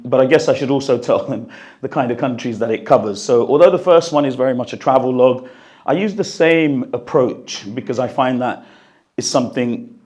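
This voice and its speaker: At a book launch in a hall, a British man addresses the audience through a handheld microphone and then reads an excerpt from his book. His mid-range, slightly mellow voice is croaky and strained as he recovers from losing it, and he sounds earnest and reflective, coughing now and then.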